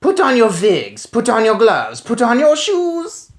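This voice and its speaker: A gloating, imperious storybook witch, played by a man, commands her coven in a voice pushed high and loud. Her phrasing is oddly inverted and given to shrieking orders. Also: wildly swooping pitch, a little slow, full character voice. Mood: urgent, shrieking.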